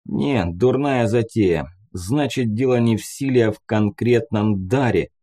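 A curious young squadmate with a mellow, casual voice, read by a male narrator. He asks and shrugs things off plainly, in an audiobook scene. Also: on the low side, unhurried.

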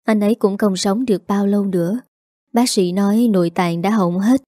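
A woman voicing a grieving young wife in an audio story, speaking softly and politely. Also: mid-range voice, normal speed, no room sound, clean studio sound, lightly acted. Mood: sad.

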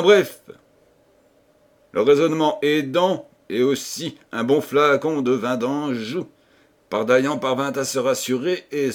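Slow, lively male audiobook narrator. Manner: unhurried, expressive reading that shifts pitch for each character. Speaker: audiobook reader. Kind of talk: scripted narration with character voices.

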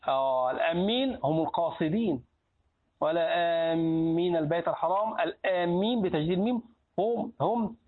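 Lively Egyptian sheikh teaching, tinny recording. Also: male voice, sits high, slightly rough. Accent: Egyptian Arabic. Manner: lively teacher, asks the class questions and answers them himself. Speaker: sheikh teaching a hadith book. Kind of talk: Islamic lesson in a mosque.

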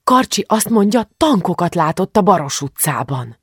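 A reader puts on a teenage girl who pushes with high, eager questions and sulks when nobody answers. The voice stays gravelly underneath, and the recording is dry and close. This is an audiobook scene with the girl's lines acted out. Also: big pitch swings, no echo. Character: teenage girl, curious and impatient. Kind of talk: audiobook character voice.

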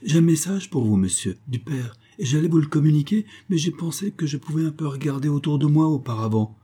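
A man's voice: a little high, animated, dark tone, breathy edge, pitched above the performer's own voice. A man putting on an eager little foundling boy. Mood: excited. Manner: quick, chattering, eager.

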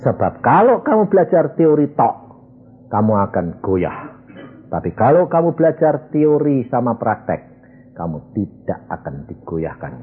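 A man's voice: medium pitch, unhurried, faint music behind. A male pastor preaching a sermon as a story, acting out the dialogue of the people in it. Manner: animated, acts out dialogue in voices. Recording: tinny phone-like recording.

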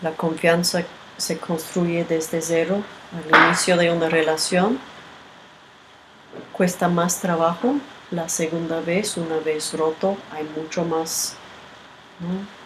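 Give me a woman giving a slow, thoughtful group talk, her voice set against steady background noise. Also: fairly low pitch. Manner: unhurried, halting, often ends with a questioning tag. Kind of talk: reflective teaching talk with a personal story.

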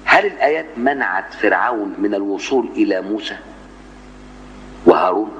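A man with an Egyptian accent, a sheikh giving a mosque lesson on the Quran, animated, firing rhetorical questions and slowing down to recite verses. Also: lowish voice, long reverb tail. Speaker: sheikh teaching Quran sciences. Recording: dull lo-fi 1980s tape with faint hum.

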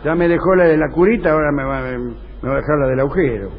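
Quick and a little high-pitched, this Rioplatense-accented man runs a radio comedy program, telling absurd stories as improvised dialogue with a straight face. The audio is dull and noisy.

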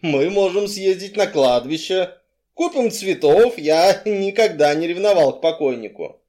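A sly, blustering crime boss, as a male reader acts him out, mocking and evasive, flaring into shouts. The voice sits a little high and swings widely between sneers and bursts. It is from a crime audiobook. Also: animated, unhurried.

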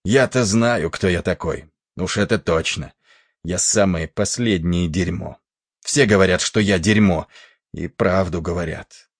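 Brief: man doing a big, coarse stoker, scornful and defiant, husky, dry close sound. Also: low voice, measured pace, no room sound, full character voice. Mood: gruff. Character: big coarse angry male ship's stoker.

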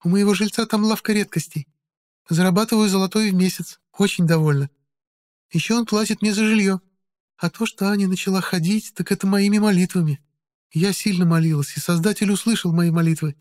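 A male narrator voicing a young woman, flustered and proud, in a strained high falsetto in an audiobook. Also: fairly quick, darkish tone, no room sound, clean studio sound, lightly acted. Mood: firm.

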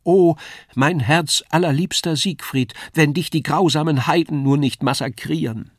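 A man's voice: a little high, moderate pace, no echo, studio quality, pitched above the performer's own voice. A man reading a storybook aloud, voicing a young, tender puppet noblewoman in a raised, fluttering plea. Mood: pleading.

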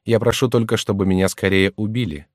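A man's voice: lowish voice, fairly even intonation, fast talker, no echo, studio quality, lightly acted. A man reading an audiobook and voicing a young male servant who is tearful and wrongly accused, pleading in a strained, raised voice. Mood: resigned.

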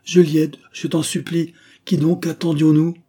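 A man's voice: medium pitch, normal speed, warm tone, slightly rough, lightly acted. A man reading aloud gives voice to a distraught noble mother who pleads and exclaims. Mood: anguished. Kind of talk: audiobook dialogue reading.

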